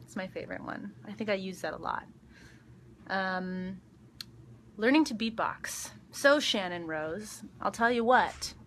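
Bright-voiced young woman chatting casually. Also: mid-range voice, a little hiss or hum. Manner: chatty, giggly, lots of ums. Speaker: actress answering fan questions. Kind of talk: casual live Q&A. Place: backstage dressing room. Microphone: phone livestream.

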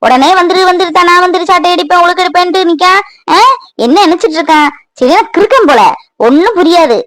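A woman's voice: extremely high pitch, fast, fairly bright tone, dry recording, low-quality recording. Woman doing a scolding, bossy cartoon mother. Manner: scolding, nagging with repeated questions. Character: scolding middle-aged mother, sharp-tongued and bossy. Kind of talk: cartoon voice acting.

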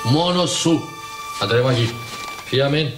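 An actor playing a cheeky young nephew who pleads and teases, with a Cypriot Greek accent. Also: male voice, medium pitch, over music, close to an everyday voice. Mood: sulky. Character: cheeky young nephew, male, wheedling for money. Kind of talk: TV sitcom acting.

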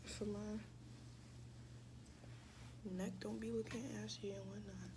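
A young woman chatting casually in a vlog, often dropping into soft whispers, in a small dorm room. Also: medium pitch, flat delivery, takes it slowly, noisy background. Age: young adult. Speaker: vlogger.

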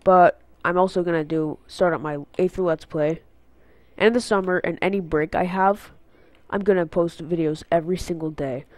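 Here a teenage boy, congested and stuffy-nosed from a cold, speaks at normal speed in a slightly high male voice with a steady tone. As a gaming channel host, he rambles casually through an update on an unfamiliar headset mic, with lots of fillers and tangents. There's no echo.

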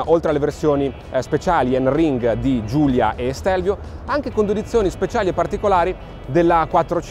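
A man in his thirties presenting cars on an exhibition hall floor, speaking fluently and upbeat, with frequent drawn-out "eh" fillers. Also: on the high side, darkish tone. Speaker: motoring presenter. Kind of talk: car show walkaround presentation. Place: large indoor exhibition hall.

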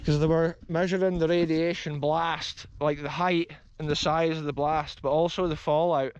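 This is a Scottish man in his thirties, a vlogger exploring an open grassy field outdoors. He films himself on a close-held action camera and gives walking-tour commentary, eagerly and enthusiastically calling his viewers "folks." His voice is fairly high and flat at a normal speed with a clean tone, no room sound, and a muffled recording.

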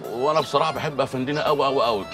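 A man with an Egyptian accent playing a nervous, flattering henchman who speaks in a hurry. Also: mid-range voice, natural voice. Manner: flattering, hurried. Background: music score.

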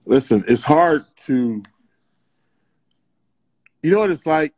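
A man who is a podcast guest, telling stories in casual chat and acting out quotes in high voices. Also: lively intonation, slow pace, a little mellow, husky.

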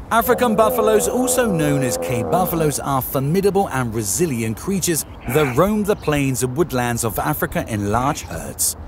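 A man narrates a nature documentary in a slightly high voice with lively, swooping intonation. His delivery is formal and measured, scripted throughout. Clear outdoor and vehicle noise sits behind him.

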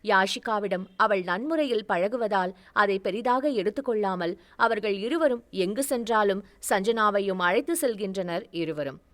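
A woman reads a serialized romance novel aloud in steady, scripted narration. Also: medium pitch, moderate pace, hardly any pauses. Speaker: storyteller.

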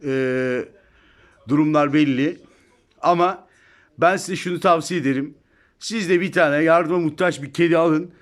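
A man's voice: fairly high pitch, unhurried, long pauses. A man chatting casually to viewers about his cat in a home video, filmed on a phone indoors. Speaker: pet vlogger.

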